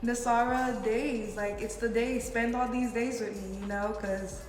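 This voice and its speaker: In a very echoey, reverberant room with music behind her, a young American woman chats to her vlog viewers. Her voice sits fairly high and sounds stuffed up, as if through a blocked nose from a head cold. She talks informally, peppering her sentences with "like". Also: fairly even intonation, unhurried, darkish tone. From United States, partly New York City. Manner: informal, frequent "like". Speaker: video blogger. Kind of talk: casual chatty Q and A vlog.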